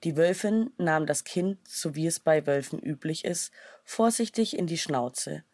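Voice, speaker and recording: Brief: calm woman narrator for a children's storybook, low voice, dry close sound. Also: dry recording. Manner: calm and measured.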